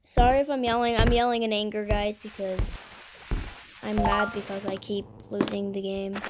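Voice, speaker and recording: A woman chatting casually while she plays a video game, exclaiming at mishaps and apologizing for yelling. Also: medium pitch, level tone, moderate pace, loud music behind the voice. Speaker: gameplay streamer. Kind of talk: casual gameplay commentary. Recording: noisy home recording.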